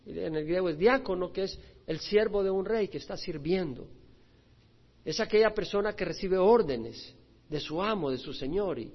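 A male pastor, preaching an expository sermon with animated swings between loud and soft and acted-out quoted voices. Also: high-pitched, moderate pace. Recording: dull lo-fi recording.

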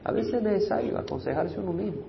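A male pastor giving a Bible study sermon, reading scripture out loud, then dropping to soft asides, and explaining Hebrew words with English glosses. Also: high voice, expressive, quick pace, vocal fry, dull audio, crowd noise.

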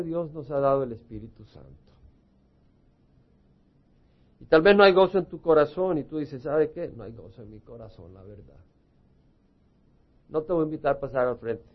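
A pastor preaching a sermon, swinging between loud emphatic bursts and soft, quiet calls to prayer. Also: male voice, a little high, expressive, moderate pace, long pauses, muffled recording.

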